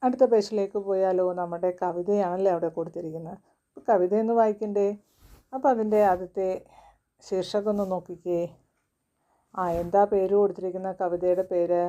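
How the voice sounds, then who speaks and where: A woman teaching a children's reading lesson. She sounds out words slowly, syllable by syllable. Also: mid-range voice, fairly even intonation, warm tone, highs cut off. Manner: slow, syllable-by-syllable spelling.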